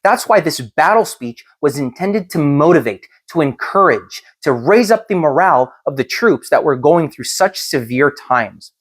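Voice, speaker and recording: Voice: mid-range voice, animated, normal speed, hardly any pauses, slightly rough. A preacher teaching a Bible lesson, reading and expounding in an emphatic, rhetorical way that builds through repetition.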